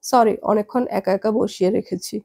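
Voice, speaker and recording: A woman voicing a calm young adult daughter who reasons patiently with her parents. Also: mid-range voice, moderate pace, gravelly. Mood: patient, reasoning.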